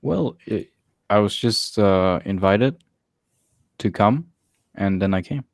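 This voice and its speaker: A man's voice: on the low side, lively intonation, takes it slowly, dry recording, studio quality. A young man in casual podcast chat, laid-back and hesitant, trailing off with fillers. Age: young adult. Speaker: podcast co-host.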